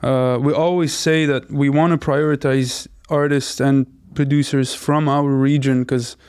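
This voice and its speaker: A man's voice: mid-range voice, level tone, measured pace, a little mellow, clear, resonant tone, no echo, studio quality. A man co-hosting a podcast, talking casually and enthusiastically, repeating words as he praises his guest. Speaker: podcast co-host. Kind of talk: casual interview talk.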